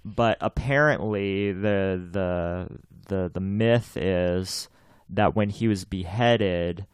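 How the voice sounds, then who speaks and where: A man's voice: sits low, slow pace, clear, resonant tone, no echo, clean studio sound. A man in his twenties hosting a podcast in casual chat, rambling, repeating himself and laughing often. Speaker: podcast host.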